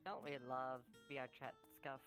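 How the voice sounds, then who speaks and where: A woman's voice: a bass voice, level tone, moderate pace, fairly bright tone, soft background music. A woman chatting playfully during a virtual reality roleplay, teasing the others. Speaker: roleplay player. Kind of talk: casual chat during a VR roleplay stream.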